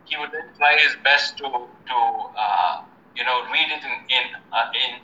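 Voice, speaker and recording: A man from India answering interview questions in a measured way, often checking in with "okay?" and "right?". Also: mid-range voice, sharp tone. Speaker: guest. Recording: roomy, slightly dull lo-fi sound.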